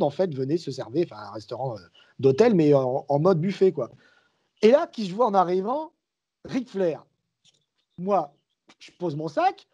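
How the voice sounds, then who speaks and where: A man's voice: sits high, lo-fi sound. A man, a guest commentator, telling anecdotes in a casual podcast chat and acting out the dialogue as he goes. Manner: lively storyteller who acts out dialogue. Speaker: guest, sports and wrestling commentator.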